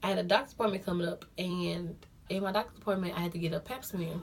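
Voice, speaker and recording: A woman's voice: fairly low pitch, fast talker, a little hiss or hum. Chatty young woman telling a story. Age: young adult. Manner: chatty, addresses viewers as y'all, repeats phrases for emphasis. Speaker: vlogger. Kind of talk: casual storytime.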